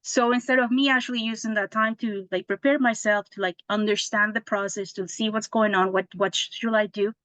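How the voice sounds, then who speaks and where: A woman's voice: medium pitch, fairly even intonation, a little fast, hardly any pauses, fairly bright tone, no room sound. A woman, a lawyer telling her story in a casual interview, chatty with many restarts and tag questions. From Mexico. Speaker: guest lawyer.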